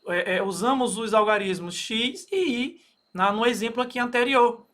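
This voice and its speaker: A Brazilian man with an extremely high-pitched, fairly bright voice teaches a recorded math lesson at normal speed, with a Brazilian Portuguese accent. He explains step by step, using many fillers and checking in often with "okay?"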